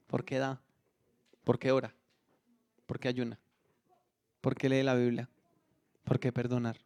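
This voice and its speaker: A man's voice: medium pitch, a little mellow. A middle-aged man preaching a sermon as pastor, talking conversationally and asking the congregation frequent questions.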